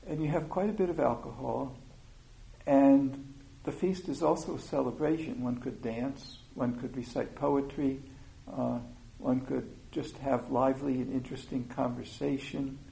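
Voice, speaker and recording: A man giving an informal meditation talk, speaking slowly and thoughtfully with many pauses and fillers. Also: medium pitch, fairly even intonation, gravelly, mellow, poor audio. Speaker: meditation teacher.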